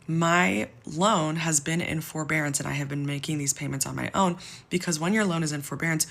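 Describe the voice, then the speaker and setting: A woman's voice: sits low, brisk, vocal fry, a bit bright. A woman venting at length, frustrated and close to tears, in a personal vlog. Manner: frustrated, exasperated, near tears. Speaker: social media poster.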